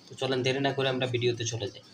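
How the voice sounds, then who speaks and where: A man's voice: mid-range voice, little pitch movement, racing, roomy sound, background noise. A man from Bangladesh teaching an online English lesson, patiently spelling words letter by letter and explaining their meaning.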